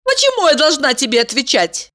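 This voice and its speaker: A woman voicing a stubborn young woman in love, speaking high and defiant. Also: big pitch swings, a little fast, a bit bright. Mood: indignant, stubborn. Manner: high-pitched, indignant, stubborn.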